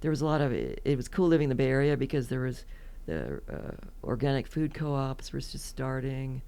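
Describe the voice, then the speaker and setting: A woman's voice: rumbling low, expressive, a little fast, creaky, dark tone. A woman in her seventies from California, telling rambling, chatty stories as a podcast guest and laughing often. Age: 70s. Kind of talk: casual interview storytelling.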